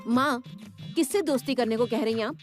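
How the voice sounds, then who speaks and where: A woman's voice: a little high, fairly quick, soft background music, close to an everyday voice. An actress playing a defiant wife who scolds and mocks her bossy husband in a TV serial. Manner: scolding, sarcastic. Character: defiant sharp-tongued wife standing up to husband. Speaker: wife of the household head.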